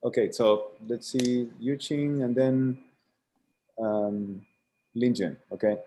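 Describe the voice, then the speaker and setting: A man's voice: medium pitch, takes it slowly, mellow. A man running an online student review, casually thanking people and moving to the next presenter. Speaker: studio advisor. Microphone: video call.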